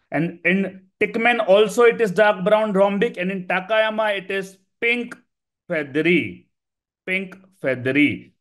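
A man's voice: sits high, fairly bright tone. A man in his thirties with a North Indian accent giving an informal, emphatic lecture as an instructor, switching between English and Hindi and repeating key phrases. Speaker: medical exam instructor.

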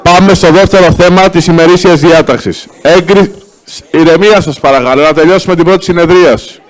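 A man presiding over a city council session, announcing votes and agenda items in a formal, procedural way and repeatedly calling the room to order. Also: a little high. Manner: procedural, repeatedly calls for quiet. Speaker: council president chairing the meeting. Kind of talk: formal meeting chairing. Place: council chamber.

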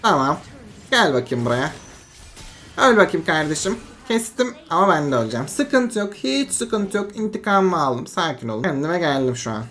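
Mid-pitched and speaking at a moderate pace, a streamer comments live over their own game in a casual, excited way. Their mood flips between frustration and hype, and they keep settling themselves back into calm.

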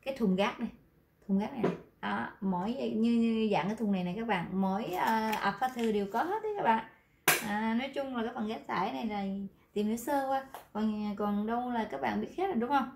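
A woman's voice: fairly high pitch, brisk, vocal fry, darkish tone, roomy sound, a little hiss or hum. A Vietnamese woman teaching beginner Korean, explaining words to her students with many repetitions and fillers. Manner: repeats words and fills gaps with "à", addresses students directly. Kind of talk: classroom lesson explaining vocabulary.

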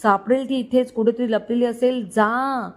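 A middle-aged mother, shrill and quick to quarrel, cries out in alarm and orders the men around, as a woman puts her on. Her voice jumps high with panic, as in a spoken storybook. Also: steady tone, close to an everyday voice. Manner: shrill, scolding.

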